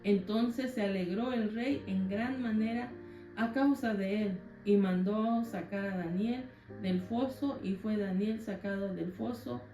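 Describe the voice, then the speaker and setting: A woman's voice: medium pitch, warm tone. A woman leading a Bible study in earnest, conversational Spanish-language teaching, often restarting her words. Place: church meeting room. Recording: roomy church echo with faint guitar.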